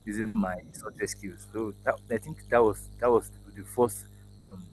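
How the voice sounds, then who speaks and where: Over a noisy video call picked up by a laptop mic, an AI engineer guest, a native Yoruba speaker, talks in a casual interview from an office room. His voice is on the low side with a steady tone, and his speech is halting, full of restarts and fillers.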